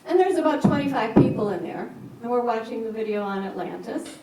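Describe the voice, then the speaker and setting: A woman giving a personal storytelling talk at a retreat, animated and acting out what others said. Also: fairly high pitch, fairly quick. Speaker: speaker at a yoga retreat. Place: large echoey retreat hall. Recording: echoey hall from far off, faint hiss.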